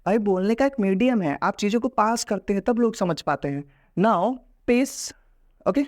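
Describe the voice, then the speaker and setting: A man's voice: high-pitched, lively intonation, unhurried. A man with an Indian accent teaching a lesson in a casual, explanatory way, mixing Hindi and English. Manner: explanatory, mixes Hindi and English, acts out example voices.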